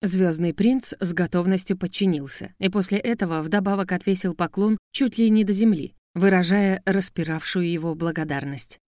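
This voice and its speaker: A woman narrating a novel in the first person with a steady reading voice. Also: fairly low pitch, moderate pace, few pauses, dry recording, studio quality. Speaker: audiobook narrator.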